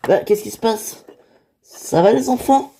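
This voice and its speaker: A woman's voice: a little high, lively intonation, unhurried, mellow, voice pushed up. A woman voicing a caring, teasing middle-aged father who talks in a chatty, affectionate way, in a homemade toy-figure drama. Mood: cheerful.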